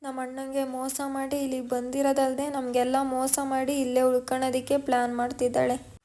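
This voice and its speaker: A woman's voice: sits high, completely flat delivery, a little fast, mellow. A woman vlogger casually retelling a television serial episode. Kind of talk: casual story narration.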